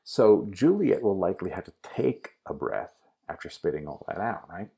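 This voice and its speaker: Low gravelly male drama coach, relaxed and instructive. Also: normal speed. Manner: casual instructive, addresses the student directly. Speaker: acting teacher. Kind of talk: recorded acting lesson.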